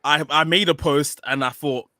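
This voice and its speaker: A man with a British accent in casual podcast chat, animated and quick to restart his sentences. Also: on the high side, no room sound, clean studio sound. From Nigerian heritage, raised in Britain. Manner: animated, fast restarts and repeats. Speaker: podcast co-host.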